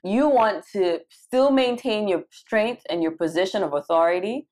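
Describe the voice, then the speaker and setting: A young adult woman from Cameroon coaching doctors for residency interviews in a live Q&A, animated and emphatic, repeating points for stress. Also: medium pitch, moderate pace. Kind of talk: live Q&A session.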